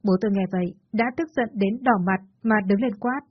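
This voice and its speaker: A woman's voice: a little high, brisk, husky, no echo, muffled recording. A woman telling a first-person family drama as narrator, reading every character's lines in her own voice.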